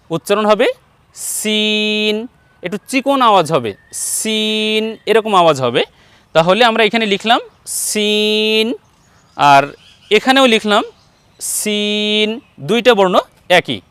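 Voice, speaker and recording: A man teaching Arabic letter sounds in an online lesson, patiently repeating each letter slowly for viewers to copy. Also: high-pitched, fairly bright tone, no echo. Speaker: Quran teacher.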